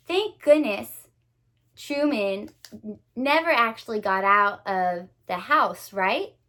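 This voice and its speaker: With a slightly high voice, a female teacher gives an animated read-aloud of a picture book for young children, full of drama and broken up by questions to the listeners.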